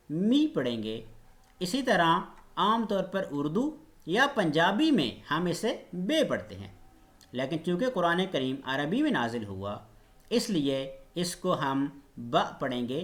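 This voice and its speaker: A man's voice: on the high side, fairly bright tone. A man teaching an online Quran recitation lesson, patiently demonstrating each letter's sound.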